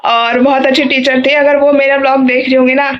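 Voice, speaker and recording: A young woman with a high voice talks to her viewers in a casual, emotional way. She rambles, stops herself and starts over. It sounds like a simple home vlog. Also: level tone, a little fast, dull audio. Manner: emotional, rambling, self-correcting. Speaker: vlogger.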